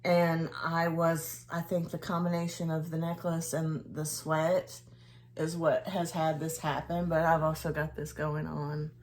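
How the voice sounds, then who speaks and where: A woman's voice: low-pitched, little pitch movement, unhurried, a little mellow, slight background noise. A woman chatting casually to camera as a vlogger, in a hesitant, rambling way that trails off.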